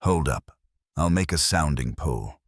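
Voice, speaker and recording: A man voicing a gruff, snappy army sergeant who grumbles, in a dark fantasy audio story. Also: very deep voice, animated, measured pace, no echo, studio quality, full character voice. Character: gruff male sergeant, grumbling, swamp guide.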